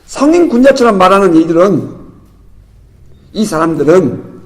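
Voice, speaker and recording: A man's voice: high-pitched, very animated, moderate pace, darkish tone. A middle-aged male pastor giving an expository sermon in a chatty way, laughing now and then and acting out the voices he quotes. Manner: conversational, laughing asides, acts out quoted voices. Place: church sanctuary. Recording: reverberant church hall.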